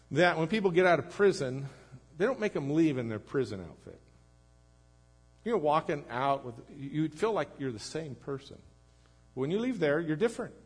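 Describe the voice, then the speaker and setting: A man delivers a sermon from the pulpit. His voice sits a little higher than most men's. He preaches earnestly, pressing some phrases with force and letting others sink low and quiet. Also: slightly rough. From United States. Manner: earnest preaching, rising to emphatic then dropping low and quiet. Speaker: pastor.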